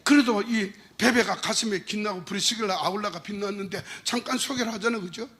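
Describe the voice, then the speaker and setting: A middle-aged man preaching a lively revival sermon in a church, playful and animated, breaking into shouted emphasis. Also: sits high, quick pace, some chatter behind, a little hiss or hum. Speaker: pastor. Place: church sanctuary.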